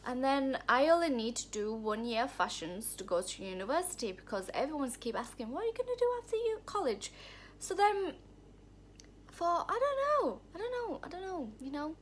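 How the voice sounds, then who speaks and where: Speaking to the camera from a room at home, a Thai vlogger whose first language is Thai shares her own story candidly and from the heart, rambling and restarting sentences as she goes. Her high-pitched voice is very animated at a moderate pace. There's slight background noise in this personal story vlog.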